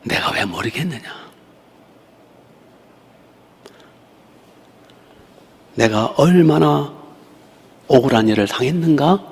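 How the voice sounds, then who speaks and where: A pastor voicing the Lord, hushed and tender. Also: male voice, medium pitch, husky, exaggerated voice. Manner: soft, slow, hushed reassurance. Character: the Lord, gentle comforting divine male voice. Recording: reverberant church hall.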